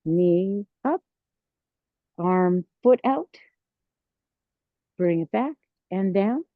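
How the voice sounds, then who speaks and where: A woman's voice: medium pitch, expressive, very slow, narrow, tinny audio. Serene woman tai chi instructor, roomy sound. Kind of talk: guided tai chi class cues.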